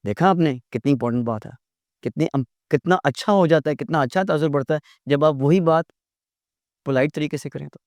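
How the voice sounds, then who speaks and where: A man teaching a lecture, conversational and animated, acting out rude and polite phrasings for his listeners. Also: on the high side, a little fast, dry recording, clean studio sound. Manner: conversational, addresses listeners as "yaar" and "bhai". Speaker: English teacher.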